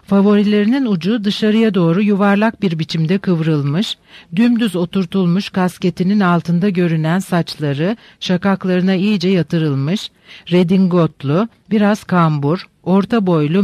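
A man narrates a novel in a measured, descriptive reading. His voice sits fairly high and the sound is dry and close, with no room echo. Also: darkish tone. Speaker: audiobook narrator. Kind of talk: scripted literary narration.

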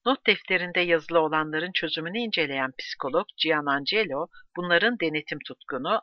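A man narrating a true crime story with a measured, steady delivery. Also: a little high, dry recording. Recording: dull dry close recording.

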